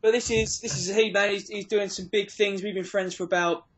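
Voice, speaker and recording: A man's voice: sits high, fairly even intonation, brisk, fairly bright tone, soft background music. A man, a fitness coach, hosting a casual interview in a friendly, joking way.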